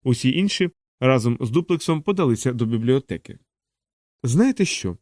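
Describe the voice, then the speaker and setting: A man narrating an audiobook in a measured, steady reading voice on a close studio mic. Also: medium pitch, dry recording.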